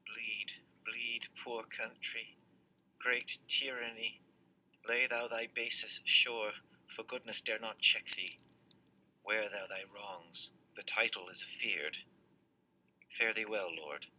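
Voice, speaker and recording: An actor playing a grieving, loyal nobleman, delivering classical verse with intense, drawn-out phrasing. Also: fairly low pitch, steady tone, sharp tone, full character voice, rough recording. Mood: anguished. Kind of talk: classical stage verse reading.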